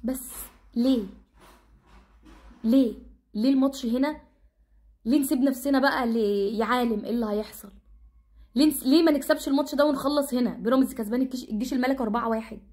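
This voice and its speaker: A woman's voice: high voice, a little mellow. A woman with an Egyptian Arabic accent giving exasperated, repetitive football commentary in a casual rant. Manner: exasperated, repetitive, rapid-fire ranting.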